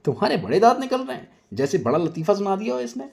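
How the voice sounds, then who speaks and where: A man voicing a loud, rude and boastful woman who scolds and taunts everyone in a storybook tale. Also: on the high side, animated, moderate pace, voice pushed up. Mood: taunting.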